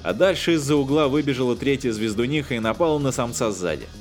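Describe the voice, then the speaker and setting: A male narrator reads a comic space story with a wry, even storytelling voice. His pitch sits in the middle range. Quiet music plays underneath. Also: quick pace. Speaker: audiobook narrator. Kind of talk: scripted narration.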